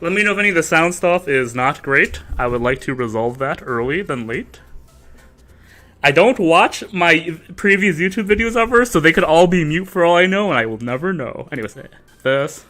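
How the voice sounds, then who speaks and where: Animated young man streaming a game. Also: on the high side, moderate pace. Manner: rambling, joking, mumbles between louder bursts. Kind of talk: casual gameplay commentary. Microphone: desk mic. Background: faint game music.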